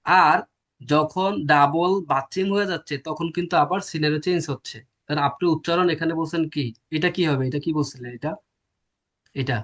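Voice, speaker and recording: A man's voice: on the high side, brisk, fairly bright tone. A man teaching a classroom lecture, explaining step by step and answering his own questions. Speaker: language teacher.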